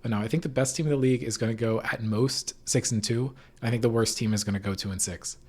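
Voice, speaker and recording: A man's voice: medium pitch, quick pace, darkish tone. A man hosting a casual esports recap in an informal, hedging way, his voice echoing in an unfurnished room. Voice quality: echoey, reverberant room sound. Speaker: podcast host. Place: echoey unfurnished room at home.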